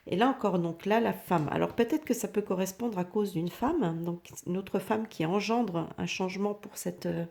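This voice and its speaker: A woman's voice: medium pitch, moderate pace, vocal fry, few pauses, dark tone. A woman from France reading tarot cards in a casual, hesitant way, full of fillers and restarts. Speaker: tarot reader.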